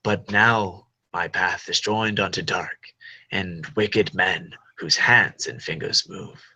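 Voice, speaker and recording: Brooding armored villain lord in verse, read aloud by a man; husky, drawn-out delivery. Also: sits low, pushed and bright, exaggerated voice. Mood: solemn menacing. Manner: slow solemn declaiming, drops into whispers. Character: dark armored male lord, menacing and brooding. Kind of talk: live Shakespearean verse reading.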